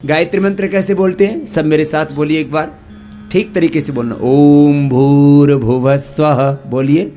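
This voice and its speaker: Indian man, yoga teacher, drawn-out mantra chanting, faint background music. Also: a little high, darkish tone. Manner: slow, drawn-out chanting, correcting pronunciation.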